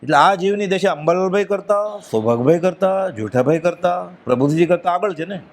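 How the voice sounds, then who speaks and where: Here a spiritual speaker talks in a high, animated, fairly quick voice. His devotional discourse, in a Gujarati accent, is earnest and emphatic, and he speaks more quietly when quoting others.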